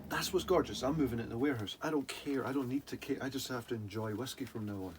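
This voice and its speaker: A man's voice: medium pitch, fast. A man chatting casually as co-host of a drinks show, rambling and often trailing off mid-thought. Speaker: co-host of a whisky review show. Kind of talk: casual chat. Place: attic room. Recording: clearly noisy room recording.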